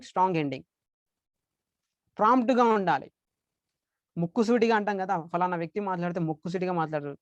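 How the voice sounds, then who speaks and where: Male motivational trainer, rapid lecture delivery, emphatic and repetitive, close dry sound. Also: high-pitched, no room sound, highs cut off. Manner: emphatic, repeats key points, mixes English terms. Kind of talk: training lecture on public speaking.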